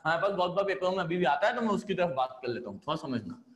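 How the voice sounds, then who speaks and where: A man's voice: high-pitched, big pitch swings, very fast, echoey room. A man teaching physics in a chatty lecture, coaxing his students along. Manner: chatty, coaxing, says "है ना" often. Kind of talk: classroom lecture.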